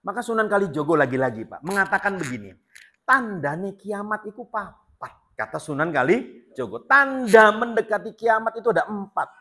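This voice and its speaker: A middle-aged man gives a chatty, joking sermon. His voice sits high and sounds bright and forceful. He keeps turning to the congregation with questions and calls them "sir". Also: sing-song, fairly quick. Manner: chatty, asks the audience questions; often addresses listeners as "Pak". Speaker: preacher. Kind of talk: casual humorous sermon. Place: prayer hall.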